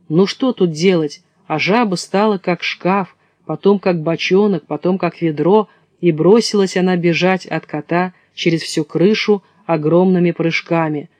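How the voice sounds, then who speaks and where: A man narrating a children's storybook in a lively storytelling manner. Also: sits high, dry recording. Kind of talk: storybook reading.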